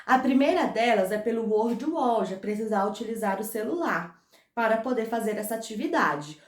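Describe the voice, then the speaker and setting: A young Brazilian woman teaching an English grammar lesson, slowly modeling phrases and checking in with patient reassurances. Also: on the high side, lively intonation. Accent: Brazilian Portuguese. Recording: echoey room.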